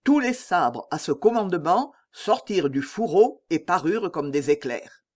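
Guy reading an audiobook, steady and dramatic, kinda high voice. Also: normal speed. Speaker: audiobook narrator. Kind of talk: scripted narration.

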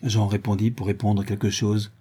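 A man narrating a novel in a calm, even reading voice. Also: fairly low pitch, normal speed, breathy edge. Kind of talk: audiobook narration.

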